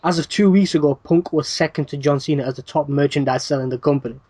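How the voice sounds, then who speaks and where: Male podcast host, brisk casual news rundown, dry asides, bit higher register. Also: a little mellow, dry recording. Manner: reads news items quickly with frequent "uh" fillers and dry asides.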